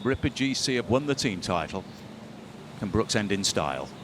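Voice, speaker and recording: A man doing dramatic, excitable play-by-play as lead golf commentator. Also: on the low side, moderate pace, background noise. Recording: loud music and crowd behind. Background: music and crowd.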